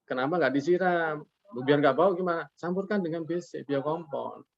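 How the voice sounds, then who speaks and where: This guest expert on a webinar talks at normal speed in a fairly high, creaky voice. He explains things in a homespun, casual manner, posing rhetorical questions only to answer them, and courteously addresses the host after nearly each phrase. It's recorded through a video call with lo-fi online audio.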